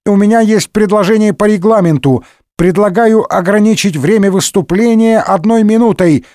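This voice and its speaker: A man's voice: high voice, moderate pace, darkish tone, no room sound, studio quality, voice pushed up, close to an everyday voice. A man voicing a fussy deputy with a stuffy, nasal voice. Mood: officious. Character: fussy male deputy with a head cold.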